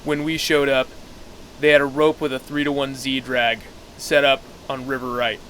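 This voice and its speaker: A man's voice: medium pitch, flat delivery, normal speed, fairly bright tone, slight background noise, poor audio. A man giving casual narration of a trip as an outdoor vlogger.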